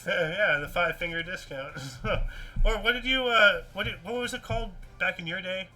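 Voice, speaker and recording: A man with a high, very sharp and forceful voice hosts a casual talk show about weird news at a moderate pace. He switches between reading stories aloud and rambling commentary, animatedly circling back and repeating words. The recording is low quality.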